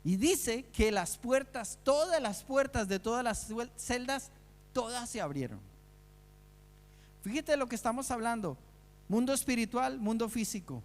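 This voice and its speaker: A man's voice: very high-pitched, animated, a little slow, long reverb tail. A man preaching a sermon as pastor, emphatic, repeating key phrases and putting rhetorical questions to the congregation. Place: church sanctuary.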